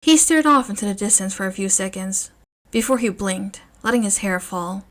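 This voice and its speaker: A woman narrating a fanfiction story in an expressive, measured reading. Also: medium pitch.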